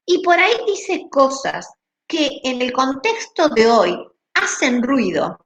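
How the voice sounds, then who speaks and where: A woman teaching a class, explaining step by step in a deliberate way and often checking that students follow. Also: sits high, fairly bright tone. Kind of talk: online class lecture. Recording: roomy echo.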